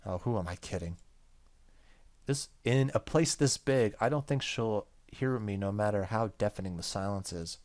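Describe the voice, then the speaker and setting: A man with a somewhat low, slightly mellow voice speaks at a normal pace. He's hosting a let's play video, reading the game's story narration aloud and tossing in casual, joking asides.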